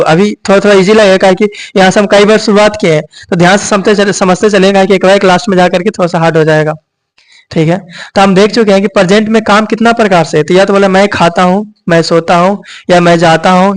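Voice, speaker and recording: A coaching teacher explains grammar in a high, light male voice with a lilt. He keeps tossing questions at his students and answering them himself, and peppers almost every point with a quick check for understanding. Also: steady tone. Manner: repeats "ठीक है" and "यही ना" often, checking students understand. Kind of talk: grammar lesson.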